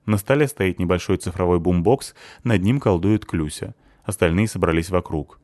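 Deep-voiced man reading an audiobook dryly. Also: normal speed, a little mellow, dry recording. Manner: dry, ironic first-person telling. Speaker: narrator.

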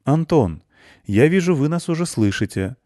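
A man narrating an audiobook voices a patient, formal school director who speaks in measured tones. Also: a little high, sing-song, mellow, dry recording, studio quality, pitched above the performer's own voice. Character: calm, polite, morally compromised school director.

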